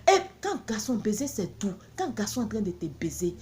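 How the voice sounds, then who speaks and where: A woman's voice: mid-range voice, very animated, brisk, darkish tone. A woman from Benin, selling her own products in a blunt, emphatic promotional monologue full of repeated catchphrases.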